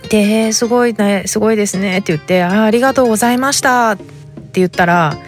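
A woman's voice: mid-range voice, fast, faint music behind. A woman in her thirties from Japan with a Hakata accent, hosting a casual solo chat and telling stories animatedly with quoted dialogue. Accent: Hakata dialect. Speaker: podcast host.

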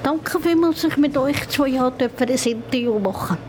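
A woman's voice: high-pitched, moderate pace. A woman, a radio reporter asking curious questions during an on-site interview. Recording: machine noise behind.

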